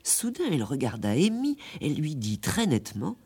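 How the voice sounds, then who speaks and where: A man narrating a classic tale in a radio drama, with an expressive telling. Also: a little high, moderate pace, breathy edge. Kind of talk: scripted storybook narration.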